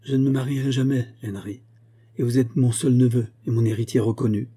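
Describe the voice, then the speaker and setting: A man's voice: mid-range voice, steady tone, a little fast, warm tone, slightly rough, natural voice. A man reading the part of a severe, unforgiving elderly banker who speaks in a commanding way. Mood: lecturing.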